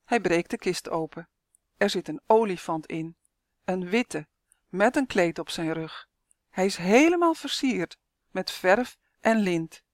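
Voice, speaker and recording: A woman author reading her own children's storybook aloud, clear and expressive. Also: fairly low pitch, measured pace, no room sound, clean studio sound. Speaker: author and narrator.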